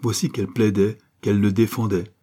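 A man reading a novel aloud in measured, dramatic scripted narration. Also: on the low side, little pitch movement, dark tone, breathy edge. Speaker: audiobook narrator.

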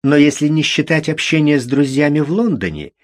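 Man narrating an audiobook in a measured way. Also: a little high. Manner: measured, even storytelling. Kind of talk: scripted narration.

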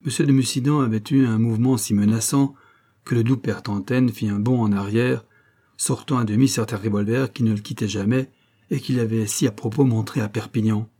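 Mellow-voiced male audiobook narrator. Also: fairly low pitch, steady tone, normal speed, husky.

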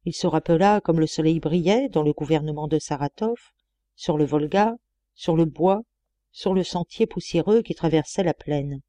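A woman narrates a literary audiobook with measured, expressive reading. Her voice is mellow and warm, recorded dry and close. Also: low-pitched, dry recording. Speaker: audiobook reader.

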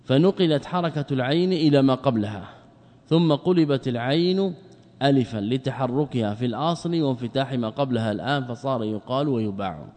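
In a large hall, a religious scholar gives an explanatory lecture to a class, posing rhetorical questions and answering them himself while drawing out words slowly for emphasis. His voice is mid-range and a little mellow.

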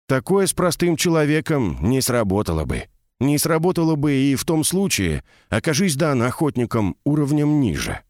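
A man's voice: medium pitch, very animated, moderate pace, darkish tone, no echo, studio quality, voice pushed up. A man reading the part of an ancient male mage who talks in a mocking, teasing way, in an audiobook. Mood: explaining.

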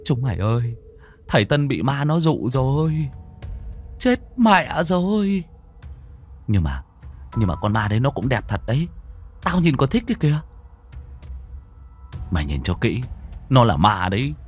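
Give me a crowd of crude young village men, put on by a narrator, loud, fast and coarse, swinging wildly up and down in pitch. Faint music runs under the voice. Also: male voice, big pitch swings, husky. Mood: panicked.

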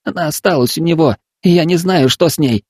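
A man's voice: fairly high pitch, fairly quick, no room sound, clean studio sound, pitched above the performer's own voice, close to an everyday voice. A man voicing a frightened, stubborn young village boy who pleads on the edge of tears in an audiobook. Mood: tearful.

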